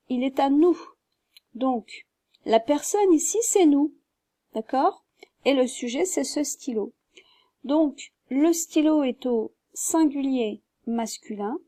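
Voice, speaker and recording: A woman gives a French grammar lesson in a high, mellow voice, walking through each example patiently and spelling words letter by letter. The recording is dry and close, with no room sound. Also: dry recording. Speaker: French teacher.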